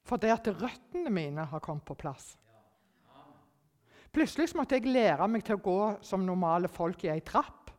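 A middle-aged woman shares a personal testimony with an audience, acting out her own thoughts in a lively way and sinking now and then to a near whisper. Her voice sits at an ordinary pitch for a woman. It rings out with a long reverb, as if in a large hall. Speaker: speaker giving a personal testimony.

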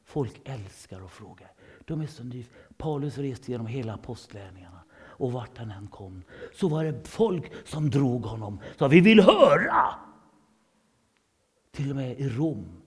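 Man, Swedish accent, preacher, informal sermon, whispers then loud bursts, lively pitch. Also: husky. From Sweden. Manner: swings between hushed whispers and sudden loud bursts.

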